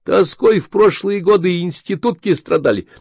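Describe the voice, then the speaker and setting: A man reading the part of a calm, lecturing detective in an audiobook. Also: high voice, creaky, breathy edge, no echo, clean studio sound, pitched above the performer's own voice, exaggerated voice. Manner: measured, lecturing. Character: calm, didactic older male detective.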